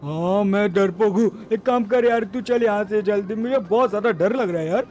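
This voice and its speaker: A man's voice: high-pitched, normal speed, a little mellow, a little hiss or hum, lightly acted. A man voicing a timid, whiny talking dog in a game role-play. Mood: scared. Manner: fearful, whiny.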